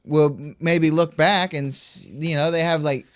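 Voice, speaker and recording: A man's voice: on the high side, unhurried. A man co-hosting a casual podcast in a small studio, rambling and joking with friends. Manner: rambling, jokey, animated. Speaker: podcast co-host. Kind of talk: casual chat.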